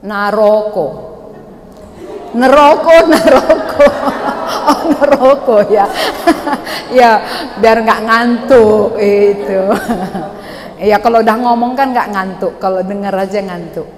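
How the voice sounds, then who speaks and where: A woman pastor giving a joking, lively sermon at a youth camp. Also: mid-range voice, slow, crowd noise. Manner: joking and lively, with laughing asides. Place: church hall. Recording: echoey hall with faint ambience.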